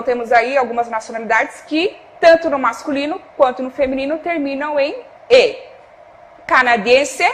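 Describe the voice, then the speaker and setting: High-voiced Brazilian woman teaching a class. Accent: Brazilian Portuguese. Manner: checks in often with "tá?" and "ok?"; gives cues to a producer off-camera. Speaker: Spanish teacher. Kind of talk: televised classroom explanation.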